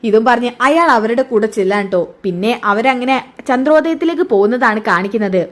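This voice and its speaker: A woman's voice: a little high, animated, brisk. A woman casually retelling a TV serial episode in a chatty, conversational way. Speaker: serial recap narrator.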